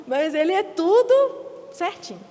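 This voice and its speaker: A middle-aged woman giving a lively church testimony, acting out the words of others as she tells her story. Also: extremely high pitch, measured pace. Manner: lively storyteller, acts out quotes, laughs often. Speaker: guest speaker giving testimony. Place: church sanctuary stage. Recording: echoey church hall.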